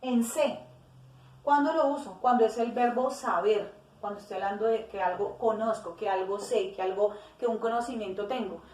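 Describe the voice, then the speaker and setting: A woman's voice: medium pitch, normal speed, a little mellow. A woman teacher explaining a grammar lesson step by step, correcting herself and acting out example phrases. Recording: roomy echo, distant from mic.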